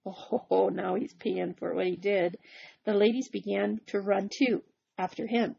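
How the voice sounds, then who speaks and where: A woman's voice: mid-range voice, little pitch movement, measured pace, creaky, mellow, slightly rough, muffled recording. A woman reading a picture book aloud in a playful way, with chatty asides to the listener. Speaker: storyteller.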